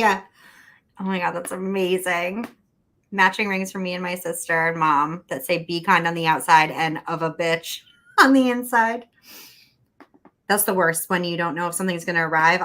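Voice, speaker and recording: A woman in her thirties hosts a relaxed chat from home, talking freely and laughing often. Her voice sits a little low for a woman. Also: moderate pace. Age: 30s. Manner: laughs often, chatty and expressive. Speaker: host. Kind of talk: casual chat on a livestream. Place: home room with neon light.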